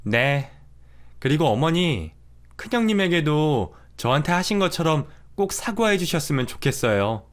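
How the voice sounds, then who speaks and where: A man's voice: fairly high pitch, very animated, moderate pace. A man voicing a young pregnant daughter-in-law in a radio drama story, polite but unyielding. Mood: calm firm.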